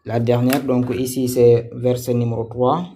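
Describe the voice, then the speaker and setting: Male teacher, live online reading lesson; slow, patient, repetitive drilling, mellow dark tone. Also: medium pitch, flat delivery, slight background noise. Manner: slow, patient, repeats syllables and words for students; asks students questions and praises answers.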